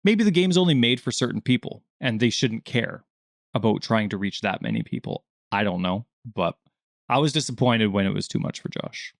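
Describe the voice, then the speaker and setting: Animated man on a podcast. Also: lowish voice, moderate pace, vocal fry, no room sound, clean studio sound. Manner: animated, acts out quoted questions in a raised voice. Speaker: podcast co-host. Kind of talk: casual gaming podcast chat.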